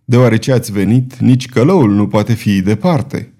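Un bărbat care dă glas unui spadasin înlănțuit și slăbit, vorbind calm, politicos și ironic. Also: male voice, on the low side. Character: chained, weakened male swordsman, cool and ironic.

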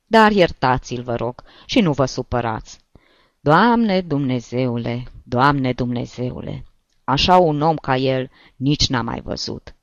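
A frightened, fretting innkeeper, as a reader puts him on, sighing and pleading in drawn-out laments, his pitch wandering up and down widely. The storybook narration sounds dry and dull, like a lo-fi recording. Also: animated, dry recording, lightly acted. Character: anxious fretting innkeeper, middle-aged man.

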